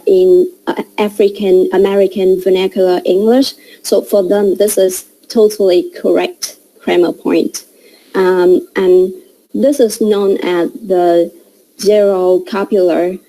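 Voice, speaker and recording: A young woman giving a classroom presentation, explaining in a halting way with pauses. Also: medium pitch, warm tone, poor audio. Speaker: student presenter.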